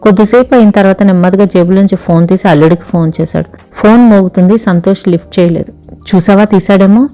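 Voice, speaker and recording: A woman storyteller narrating an audio story in a calm, even reading voice. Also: medium pitch, fast, faint music behind.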